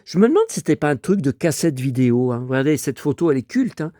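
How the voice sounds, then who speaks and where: A man in his fifties from France, hoarse from a cold, rambling nostalgically with lots of asides as he shows off his collection. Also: a little high, sing-song, fast, mellow, no echo, studio quality. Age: 50s. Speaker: collector showing his memorabilia. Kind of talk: casual collection show-and-tell.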